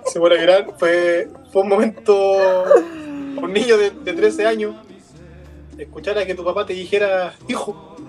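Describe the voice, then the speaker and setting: A man's voice: high-pitched, steady tone, moderate pace, darkish tone. A man tells a story in crude, slangy talk. Faint music plays in the background. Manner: crude, slangy anecdote telling. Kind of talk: casual comic storytelling.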